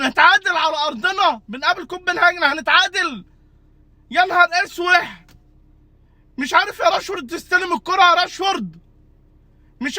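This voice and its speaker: A man with an Egyptian Arabic accent, delivering an exasperated comic rant and bursting into shouts. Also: very high-pitched, dry recording. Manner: exasperated, ranting, repeats "guys". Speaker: football fan comedian.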